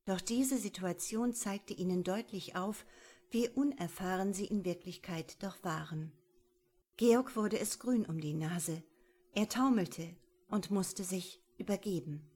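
A woman narrating a crime story as a scripted audiobook in a steady storytelling manner. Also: mid-range voice, a little slow, breathy edge.

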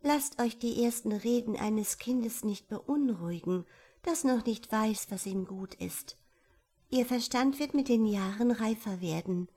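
A woman voicing a courteous, soft-hearted elder sister in a storybook reading. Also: on the high side, measured pace. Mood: soothing. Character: gentle, sensible elder sister, tactful.

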